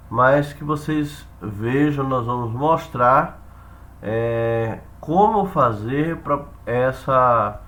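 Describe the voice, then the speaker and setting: A man with a Brazilian accent explaining software step by step, haltingly, repeating phrases and checking in with listeners. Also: medium pitch. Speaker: instructor demonstrating software. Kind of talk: spoken tutorial, explaining step by step.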